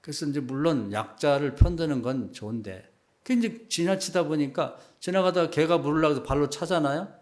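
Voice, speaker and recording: A middle-aged man preaching a sermon as pastor, in a conversational style that rises to loud emphatic peaks and drops to quiet asides. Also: fairly quick. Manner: conversational preaching, acts out quoted remarks in a low hushed voice.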